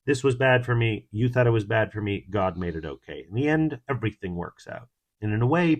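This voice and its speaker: A man giving a solo Torah commentary, reflective in tone, with Hebrew and Kabbalistic terms and sudden emphatic rises. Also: medium pitch. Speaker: Torah teacher.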